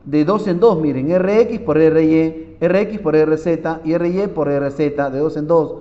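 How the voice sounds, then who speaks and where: High-voiced man teaching physics. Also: a little slow. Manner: keeps saying "miren", quizzing students. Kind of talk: classroom lecture solving problems. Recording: dull audio with long reverb.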